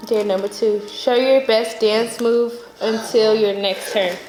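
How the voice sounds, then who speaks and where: A woman's voice: fairly high pitch, fairly even intonation, measured pace, over music. A woman vlogger talking casually and upbeat to her viewers, playful when playing a game at home. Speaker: lifestyle vlogger. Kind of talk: casual vlog talk to camera. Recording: echoey room with clear background noise.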